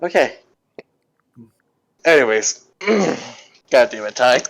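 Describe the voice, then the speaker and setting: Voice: medium pitch, animated, slow pace, fairly bright tone. A tabletop game player chatting casually, hesitant and bemused, feeling out what to say in character. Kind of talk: casual chat.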